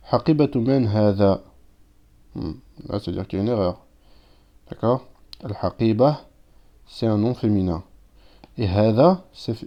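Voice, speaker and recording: A patient man, low-voiced and mellow, explaining a language lesson step by step. He reads out words and translates each one in turn. The recording sounds dull and lo-fi. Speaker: Arabic teacher.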